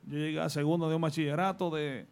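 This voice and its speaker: A man's voice: fairly high pitch, steady tone, quick pace, darkish tone, clear, resonant tone, faint music behind. A man from the Dominican Republic with a Dominican accent, telling his life story earnestly as a radio studio guest and offering advice. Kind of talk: personal storytelling in a radio interview.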